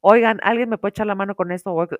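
A woman's voice: medium pitch, racing, no echo, muffled recording. A woman with a Mexican accent in casual conversation, telling a story and acting out the lines of the people in it. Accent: Mexican Spanish. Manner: animated storyteller acting out quotes. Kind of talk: casual chat.

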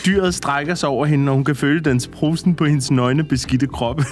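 A man's voice: fairly high pitch, steady tone, faint music behind. A man reading a story aloud to a co-host, often breaking into laughter and adding comments. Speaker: podcast co-host.

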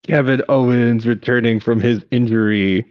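A man co-hosting a casual podcast, recapping wrestling matches with excitement and plenty of swearing. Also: medium pitch, normal speed, no echo, muffled recording. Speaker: podcast co-host. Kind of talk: casual chat.

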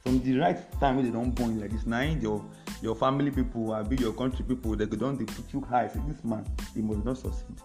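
A man's voice: mid-range voice, fairly even intonation, quick pace, darkish tone, faint music behind. A man with a Nigerian accent explaining his view in Nigerian Pidgin, in a casual debate, checking that he is understood.

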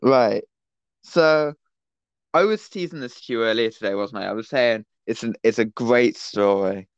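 A man's voice: medium pitch, normal speed, clean tone, dry recording, dull audio. Teen guy telling a rambling story. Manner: rambling anecdote with many fillers. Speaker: podcast co-host. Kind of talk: casual chat, storytelling.

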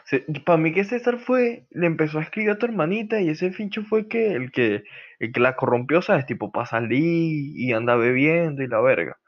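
A man's voice: fairly high pitch, expressive, moderate pace. A young man chatting casually with friends, rambling and slangy, telling stories. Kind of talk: casual chat among friends. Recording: slightly muffled lo-fi recording.

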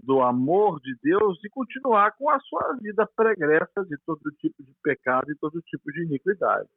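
A male pastor with a Brazilian Portuguese accent talks over a narrow, tinny phone line, his voice pitched high. He explains doctrine earnestly, often restarting phrases as he hunts for words. The line is dry and close, with no room sound. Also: sing-song, normal speed, husky, no echo. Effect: heard over a phone line. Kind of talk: theological discussion on a call.

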